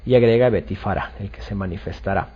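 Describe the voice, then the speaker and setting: A man's voice: lowish voice, quick pace, slightly rough, highs cut off. A man giving a bible study lecture, explaining step by step and often checking with "ok?" amid hesitant fillers. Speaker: bible teacher.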